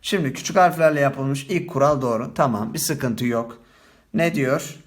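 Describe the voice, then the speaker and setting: A male teacher giving a spelling lesson, talking straight to his students and stretching key words slowly for emphasis. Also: mid-range voice. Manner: addresses viewers directly, lively teacherly tone.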